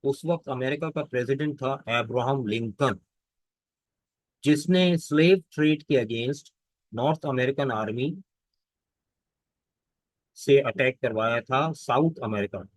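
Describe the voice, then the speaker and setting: A male teacher gives a lesson, speaking in a mid-range voice. He reads lines of the text slowly, then explains them in Hindustani, often asking a question and answering it himself. The recording is close and dry, with no room sound. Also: mid-range voice, no room sound, rough recording. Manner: fills pauses with "theek hai". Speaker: English teacher. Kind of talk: lecture explaining a text line by line.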